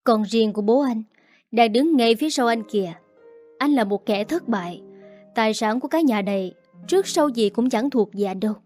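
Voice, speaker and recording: A woman voicing a defiant, sharp-tongued young daughter-in-law who talks back in a cold, taunting way. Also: on the high side, lively intonation, a little fast, faint music behind, natural voice.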